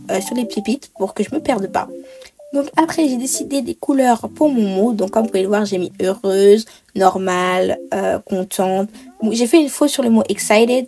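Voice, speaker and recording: A woman's voice: on the high side, normal speed, mellow, soft background music. A woman giving a chatty craft tutorial voice-over, explaining each step with frequent hesitations. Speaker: bullet journal creator.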